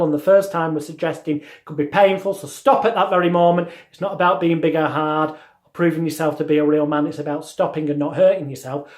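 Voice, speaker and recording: A man giving an instructional lecture as a hypnotherapy trainer, with emphatic, repetitive phrasing. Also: a little high. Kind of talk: instructional lecture with demonstrated patter. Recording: roomy, echoing sound.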